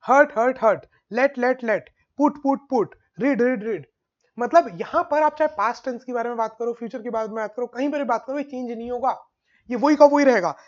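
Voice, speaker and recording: A man's voice: very high-pitched, moderate pace. Man teaching in a dull lo-fi recording. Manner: drills word forms in a steady rhythm, often checks understanding. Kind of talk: online exam-prep lesson.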